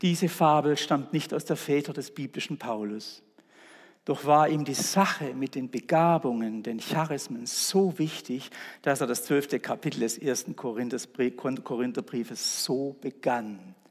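A man's voice: mid-range voice, unhurried, breathy edge. A man preaching a sermon in a church, emphatic and repeating his key words. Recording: echoey church reverb.

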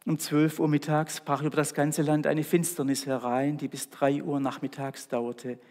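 A man's voice: a little high, flat delivery, a little mellow. Solemn man preaching in a reverberant church. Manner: solemn, slow and deliberate with weighty pauses. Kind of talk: Good Friday sermon with scripture reading.

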